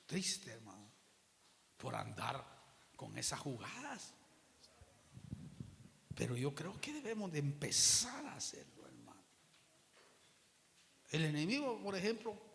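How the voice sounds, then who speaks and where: A man's voice: sits high, creaky, fairly bright tone, slight background noise. A man preaching in a church, telling a personal testimony and acting out quoted exchanges. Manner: storytelling, acts out quoted exchanges. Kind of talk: sermon testimony. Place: church hall. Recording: reverberant church hall.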